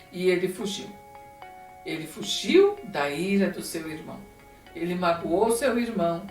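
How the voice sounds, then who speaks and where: Brazilian woman, kids' Bible teacher, lively storyteller, mic from a distance. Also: medium pitch. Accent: Brazilian Portuguese. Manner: expressive, animated storytelling. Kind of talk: storytelling lesson for kids. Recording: echoey room, distant mic, faint music.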